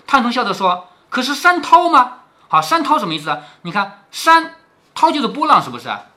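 A man's voice: high voice, wildly swooping pitch, quick pace, bright, forceful tone. A middle-aged man reading a classic novel aloud and stopping to explain it in plain talk, often asking "right?". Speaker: storyteller reading a classic novel to his daughter.

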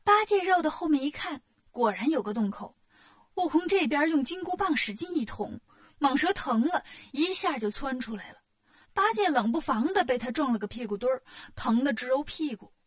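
A woman reading a children's storybook aloud, narrating in a lively, expressive way. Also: high voice, normal speed.

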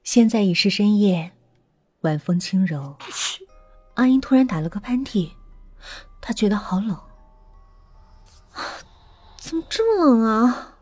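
Breathy woman narrating a ghost story. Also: mid-range voice, dry recording. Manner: dramatic, slowing and hushing at tense moments. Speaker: storyteller host. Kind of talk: horror audiobook narration. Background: faint music.

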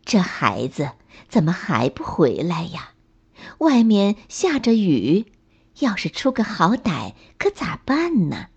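A woman voicing a patient mother rabbit in a storybook, speaking low and soft with a gently reproachful, sighing tone. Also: huge pitch swings, slow pace, gravelly, breathy edge, exaggerated voice. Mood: worried. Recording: slightly dull lo-fi recording.

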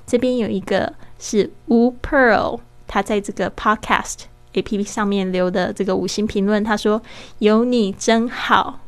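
Podcast host, female; patient step-by-step English teacher who slows down to demo pronunciation. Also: medium pitch, steady tone.

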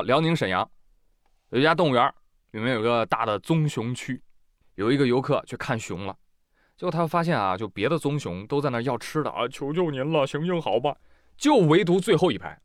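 A man's voice: a little high, sing-song, brisk, dry recording, studio quality. A man giving comic news commentary, wisecracking and often laughing.

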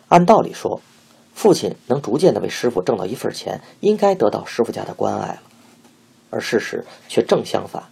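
A man reading a memoir aloud in an expressive storytelling manner. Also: medium pitch, vocal fry, slightly rough. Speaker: audiobook narrator.

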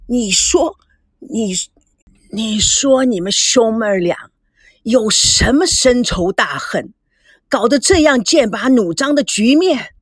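A woman voicing a stern old grandfather who heads the family and scolds slowly in a lowered voice. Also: husky, no echo, studio quality, heavily acted. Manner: low, slow, scolding.

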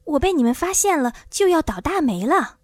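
A woman voicing a timid little old man who pretends to be a great wizard, speaking in a hushed, pleading way. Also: sits high, sing-song, a little fast, dry recording, pitched above the performer's own voice.

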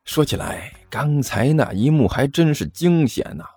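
A man narrating a comic novel as an audiobook in a lively storytelling manner. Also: mid-range voice, unhurried, husky, no room sound, clean studio sound. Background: faint music.

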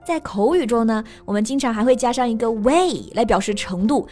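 A woman with a fairly high voice co-hosts a relaxed English lesson, explaining words through chatty examples. Faint music plays softly underneath. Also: fairly quick. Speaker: co-host of an English lesson podcast. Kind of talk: casual bilingual teaching chat. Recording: light background music.

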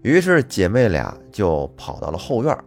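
A man telling a folk tale in a lively, colloquial manner with plenty of fillers. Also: lowish voice, moderate pace, gravelly. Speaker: storyteller. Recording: faint music behind.

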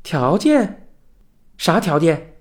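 A man voicing a huffy, sharp-tongued middle-aged mother in an audiobook. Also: on the high side, big pitch swings, drawn-out words, full character voice. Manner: scolding, huffy.

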